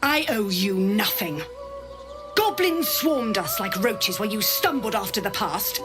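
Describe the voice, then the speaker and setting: A woman playing a proud, bitter druid in a video game, sharp and scornful. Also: mid-range voice, expressive, a little slow, natural voice. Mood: defiant. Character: defiant, ruthless female druid, proud and bitter. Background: game music.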